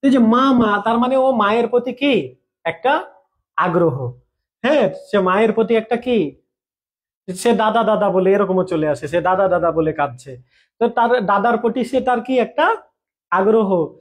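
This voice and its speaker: In a recorded online grammar class, a man speaks with a high-pitched, animated voice at a measured pace, leaving long pauses. He chats casually, goes over examples repeatedly, checks on his students frequently, and cracks jokes during the lesson.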